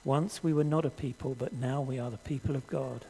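An older man preaching a sermon in a church hall, earnest and measured, reading scripture aloud to the congregation. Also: medium pitch, fairly even intonation, vocal fry, warm tone, a little hiss or hum. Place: church hall stage with audience.

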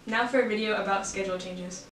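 Quick teenage girl reading school news, roomy. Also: medium pitch, fairly even intonation, a bit bright. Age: teens. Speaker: school announcements co-anchor. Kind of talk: read-out school news announcements. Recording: roomy echo, faint noise.

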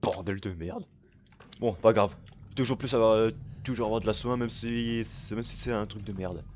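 A man giving casual gameplay commentary while he plays, swearing constantly and breaking into excited outbursts. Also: fairly low pitch, moderate pace, highs cut off, a little hiss or hum. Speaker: let's play gamer.

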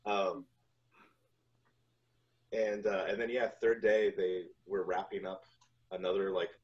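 Speaking slowly and flatly in a low, slightly mellow voice, a man in his forties tells work stories as a guest on a video call from home. He composes music for video games, keeps things casual, and the lo-fi call audio sounds dull.

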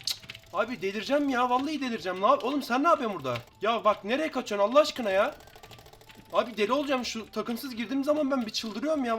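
A teenage boy with a high, bright voice gives excitable gameplay commentary to his viewers, cursing and yelling at opponents. Faint keyboard and mouse clicks sit behind his desk mic. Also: a little hiss or hum. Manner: excitable, swears and shouts at opponents. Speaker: gaming YouTuber.

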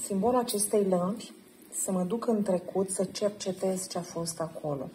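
A woman guiding a participant through a tarot card reading, gentle and probing, often checking in with a short question. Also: medium pitch, a little hiss or hum. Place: group session at a camp.

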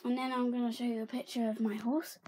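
Young woman, high-ish voice, chatty toy-barn vlogger with whispered asides, handheld phone in a bedroom. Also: little pitch movement, fast talker, a little mellow, a little hiss or hum. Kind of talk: casual toy tour narration. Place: bedroom, indoors. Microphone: handheld phone camera.

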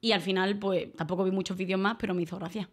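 A woman's voice: mid-range voice, fairly even intonation, quick pace. A woman chatting casually on a livestream, rambling, laughing often and thanking viewers by name. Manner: reads out viewer names and thanks them. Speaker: livestream guest.

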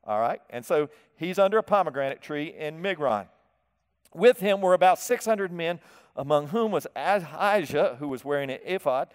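A male pastor delivers a sermon in a folksy, animated way, tossing questions to the congregation and chuckling at his own asides. His voice sits high and comes through smooth and resonant. The sound carries the long reverb of a church sanctuary. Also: normal speed.

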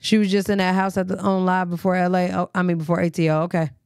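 A woman's voice: lowish voice, little pitch movement, fast, darkish tone, smooth, no echo. Woman, livestream host, blunt, argumentative, dry sound. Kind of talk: casual live reaction commentary.

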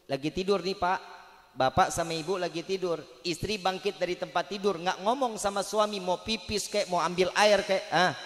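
High-voiced joking preacher man. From West Java, Indonesia. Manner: joking, teasing the audience in slangy banter. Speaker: preacher at a wedding celebration. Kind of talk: humorous sermon. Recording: hall-like reverb at a live event.

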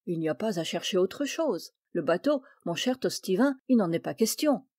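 A woman's voice: medium pitch, lively intonation, normal speed, a little mellow, no echo, clean studio sound, close to an everyday voice. A woman voicing a stern, formal male maritime commissioner who lectures in an audiobook. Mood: lecturing.

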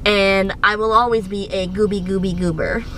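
Young woman vlogger, casual goofy ramble, mid pitch, handheld camera with faint mains hum. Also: steady tone, normal speed, a bit bright, poor audio. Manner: rambling, goofy, self-deprecating. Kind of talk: casual vlog chat. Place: workplace and home.

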